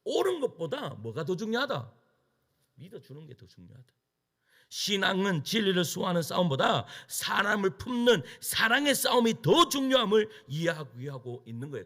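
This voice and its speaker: A middle-aged male pastor preaches in a high voice that leaps wildly up and down. His tone is gravelly and husky. He keeps throwing rhetorical questions at the congregation and answering them himself. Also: big pitch swings, moderate pace, fairly bright tone. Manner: emphatic preaching with rhetorical questions and call-and-response. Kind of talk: sermon.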